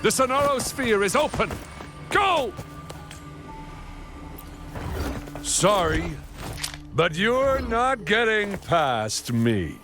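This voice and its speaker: A man's voice: high voice, very animated, slow, heavily acted. A man playing a menacing, gloating villain in a video game, with a theatrical, taunting delivery. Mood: triumphant. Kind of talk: scripted game voice acting. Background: music.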